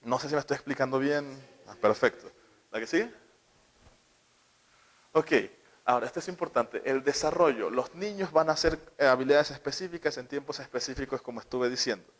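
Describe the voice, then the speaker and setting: A man's voice: medium pitch, fairly quick. A man giving a live talk to parents about child development, often asking them questions and acting out short quoted scenes. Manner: asks the audience questions and acts out little quoted scenes.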